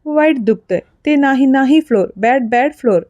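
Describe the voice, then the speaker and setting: A woman's voice: high-pitched, lively intonation, moderate pace, warm tone, dry recording, muffled recording, voice pushed up. A woman voicing a tearful two-year-old girl who talks in broken baby talk between sobs, in a storybook reading. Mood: sulky. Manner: sobbing, lisping baby talk.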